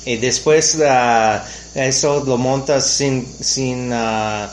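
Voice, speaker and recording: Canadian man interviewing in halting, second-language phrasing. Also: mid-range voice, fairly even intonation, a little hiss or hum. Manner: frequent "ujú" backchannels, halting non-native phrasing. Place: outdoors at a ranch.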